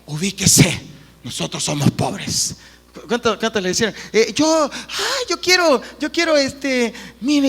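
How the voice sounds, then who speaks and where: A man preaching a sermon as pastor, earnest and animated, often breaking into acted quotes. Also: high-pitched. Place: church hall. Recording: reverberant church hall.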